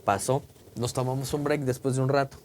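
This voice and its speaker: A man's voice: mid-range voice, fairly even intonation, a little fast, darkish tone, slight background noise. Man telling a spooky story. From Mexico. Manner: colloquial, vivid, acts out quotes and sounds. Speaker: podcast host. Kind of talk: casual storytelling.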